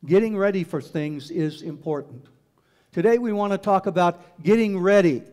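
An older man, the pastor, preaches a sermon in a large church sanctuary through a headset mic. He speaks in a measured way, repeating phrases, and his voice is high-pitched and a little mellow.

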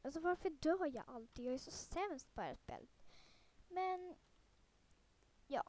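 Young female gamer, high voice, loose rambling play-by-play, lots of fillers, tips quickly into excited panic. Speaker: gaming video creator. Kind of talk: casual let's-play commentary.

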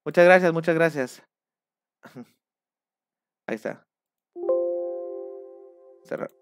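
A man with a Mexican accent talking casually on a live stream, rambling and animated. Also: on the high side, slow, music in the background. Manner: rambling, animated, acts out shouted quotes.

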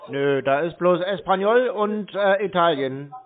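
On a tinny phone line, a man with a high-sitting voice and measured pace plays along with a scam caller in a prank call. As the scam-baiting recipient, he feigns cluelessness, stalls, and teases.

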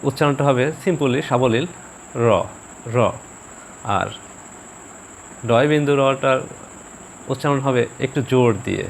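A man teaching a pronunciation lesson in a calm, measured way. He slows down and repeats each example word so it can be copied. Faint insect and cricket sounds hum in the background. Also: mid-range voice, vocal fry. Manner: slow, deliberate, repeats example words for practice. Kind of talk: instructional video lesson.

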